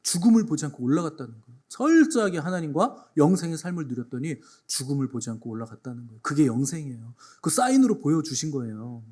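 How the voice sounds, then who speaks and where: A man's voice: on the high side, sing-song, quick pace, hardly any pauses, darkish tone. A man preaching a Sunday sermon to his congregation in a church. He repeats key phrases for emphasis and tells jokes. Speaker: pastor.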